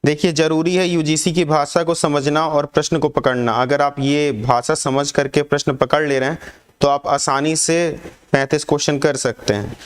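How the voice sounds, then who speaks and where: Male tutor, slightly high voice, exam-prep lesson, reads questions, pushes for quick answers. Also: steady tone, clean tone.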